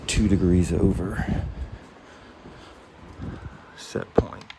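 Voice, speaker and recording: A male HVAC technician thinks aloud in a casual work vlog, sounding stuffed up and under the weather with a congested voice. He speaks extremely slowly in a deep, fairly even tone against a noisy background.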